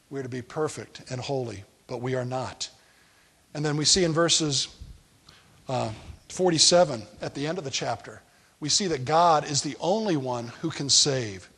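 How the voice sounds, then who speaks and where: A man's voice: mid-range voice, a bit bright, breathy edge. A man preaching a sermon as a pastor, talking in a conversational way and asking the congregation questions.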